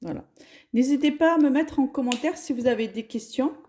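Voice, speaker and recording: A woman's voice: sits high, brisk, mellow, a little hiss or hum. A woman teaching a lesson, spelling words out syllable by syllable. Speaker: Arabic teacher.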